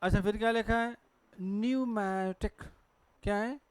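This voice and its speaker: A man's voice: high-pitched, normal speed, clear, resonant tone, dry recording. A man with a Hindi accent teaching pronunciation to a class at a board, asking questions and answering them himself. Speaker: English teacher.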